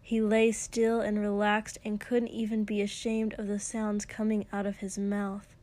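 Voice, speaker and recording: A woman narrating an intimate story in a slow, hushed, breathy way, sometimes dropping into a whisper. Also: mid-range voice, completely flat delivery. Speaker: audiobook reader. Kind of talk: intimate fan fiction reading.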